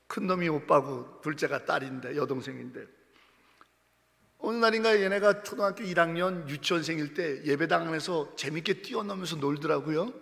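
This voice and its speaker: A man's voice: fairly high pitch, creaky, a bit bright. A middle-aged man preaching a sermon as senior pastor, fervent and emphatic, with repeated exclamations. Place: church sanctuary. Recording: long church-hall reverb.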